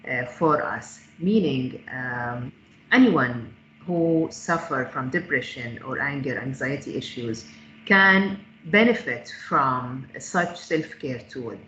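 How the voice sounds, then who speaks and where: A woman's voice: a bass voice, slow, fairly bright tone. A woman founder answering audience questions on an online panel, hesitant and full of fillers and restarts. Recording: echoey, dull call audio with faint noise.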